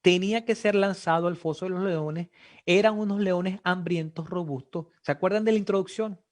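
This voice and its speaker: A preacher delivers a sermon at normal speed in an ordinary mid-range voice, firing one rhetorical question after another at the congregation. He is animated and emphatic, with sudden exclamations breaking through the storytelling.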